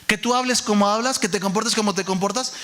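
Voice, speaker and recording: A man's voice: sits high, fast talker. A pastor in his forties preaching a sermon, asking many rhetorical questions and calling out to his listeners as brothers and sisters. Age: 40s. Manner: animated preaching, many rhetorical questions, calls the audience "hermano".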